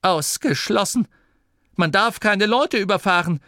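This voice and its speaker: A man's voice: sits high, measured pace, no room sound, clean studio sound, voice pushed up, full character voice. A man voicing Angelo, a bold young male nome who drives and answers curtly. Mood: brash. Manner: curt, sharp.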